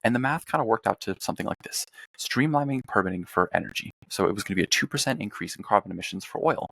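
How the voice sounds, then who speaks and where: Young male guest: rapid, blunt, swears freely, gravelly texture. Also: on the low side, expressive, fairly bright tone, no room sound. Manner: blunt, profane, rapid rambling with restarts. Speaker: podcast guest, former congressional staffer. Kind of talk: casual political chat.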